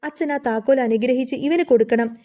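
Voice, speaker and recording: A proud young businessman, self-assured and mocking toward his rivals, as a woman storyteller voices him. The tone stays high and mellow. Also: a little fast, natural voice. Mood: confident.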